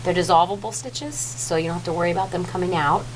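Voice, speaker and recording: A woman's voice: on the low side, fast, low-quality recording. Reassuring nurse, female, with chatter behind. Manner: reassuring, informal, explanatory. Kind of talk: patient instructions in casual chat.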